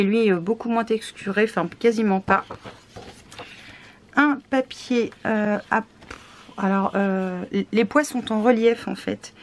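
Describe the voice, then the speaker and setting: Chatting casually as she unboxes craft papers, a French woman who vlogs about scrapbooking hesitates often and uses many fillers. Her voice is on the high side, with a little hiss or hum.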